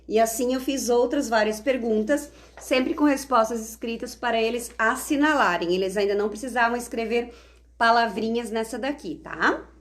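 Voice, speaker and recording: Chatty teacher woman, slightly high. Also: moderate pace. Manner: explanatory, frequent tag questions. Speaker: literacy teacher. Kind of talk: live online teacher talk.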